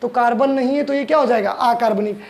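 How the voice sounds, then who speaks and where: High-voiced male exam-prep science teacher. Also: fast, creaky, a little mellow. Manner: asks the class questions and answers them himself; explains step by step, repeating key terms.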